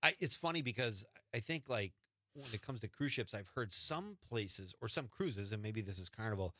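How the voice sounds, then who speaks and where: A male show host chats casually with his guest. His voice is a little low and notably bright and forward, recorded dry and close. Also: animated, moderate pace, no room sound. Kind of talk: casual conversational interview.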